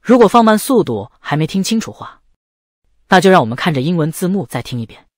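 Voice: mid-range voice, sing-song, quick pace, noisy background. A language lesson presenter giving scripted, methodical explanations as instructional narration.

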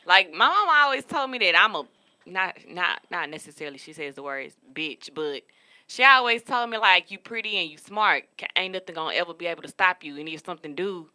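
With a city backdrop behind her studio room, a young woman in her 20s co-hosting a podcast tells candid, profane stories in casual chat. Her bright, lowish voice moves briskly with lively intonation.

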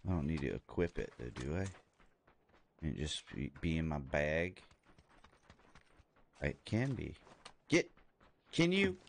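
A man streaming a shooter game live, thinking aloud as he loots, excitable, with his voice jumping up high at times. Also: a little slow, creaky, long pauses, a little hiss or hum. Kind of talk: live gameplay commentary.

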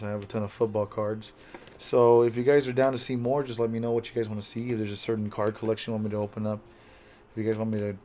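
A young American man with a raspy voice, chatting casually to camera in a rambling, jokey, laid-back way as he hosts an unboxing vlog. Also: lowish voice, darkish tone. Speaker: host of a card unboxing vlog. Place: small bedroom, indoors.

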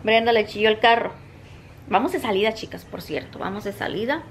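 A woman's voice: mid-range voice, brisk, slight background noise, poor audio. A Mexican woman chatting casually in a vlog, talking to her dogs in squealy baby talk, filmed on a handheld phone in a car and a sunny yard. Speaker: vlogger.

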